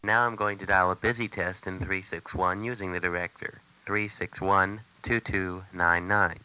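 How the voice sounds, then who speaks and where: A man's voice: sits low, fairly even intonation, moderate pace, sharp tone, clear, resonant tone. A man on an old 1970s tape recording, methodically narrating a telephone call demonstration and reading out the digits step by step.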